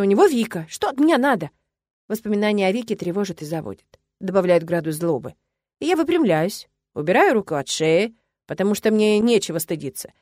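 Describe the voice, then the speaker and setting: A woman narrating a novel in the first person, lively and emotional, as if voicing her own inner thoughts. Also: on the high side, no echo, studio quality. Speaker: audiobook narrator.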